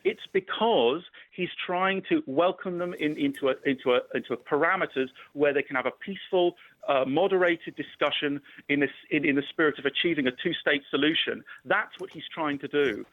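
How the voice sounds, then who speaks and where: Male phone-in caller, slightly high voice, tinny phone line, dry sound, insistent and argumentative. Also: a little fast, no room sound. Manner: insistent, argumentative, stumbles and repeats words. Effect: heard over a phone line on a radio show. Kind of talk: heated phone-in debate.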